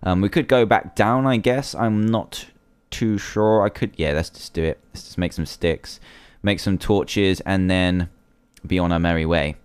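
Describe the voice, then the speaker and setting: A young man talks his way through a survival game in a smooth, clear voice that sits a little low. He chatters casually and slips easily into nervous panic. The sound is dry and close, with no room around it. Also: measured pace, no room sound. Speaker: gaming video creator. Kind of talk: casual gameplay commentary.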